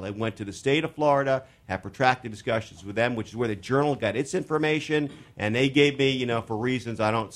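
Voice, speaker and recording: Male radio host, investment talk, mid-pitched, halting delivery full of fillers. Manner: halting, many fillers and restarts, joking.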